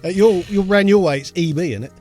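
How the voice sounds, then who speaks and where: A man, co-hosting a casual chat about music production and gear, chatty and quick to laugh. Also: sits high, a little mellow. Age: 50s. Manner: chatty, laughs often, loses names mid-sentence. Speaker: co-host of a music production show.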